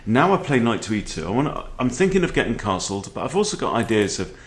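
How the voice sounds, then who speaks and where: A chess video host in his forties talks through a game casually from a book-lined room at home, often checking in with short questions. His mid-range voice is very animated and moves at a quick pace.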